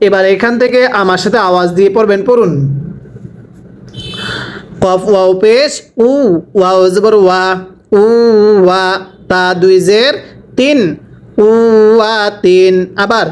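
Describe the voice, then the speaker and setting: A man teaching Quran reading, spelling out letters and vowel marks and then slowly drawing out each joined word for his students to repeat. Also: high voice, a little hiss or hum, rough recording. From Bangladesh. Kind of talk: slow call-and-repeat recitation lesson.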